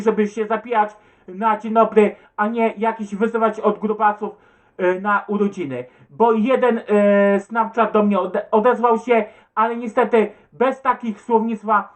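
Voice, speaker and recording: A man who answers viewer comments in an agitated, stumbling rant, swearing and repeating himself. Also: high-pitched. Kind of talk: rambling webcam rant.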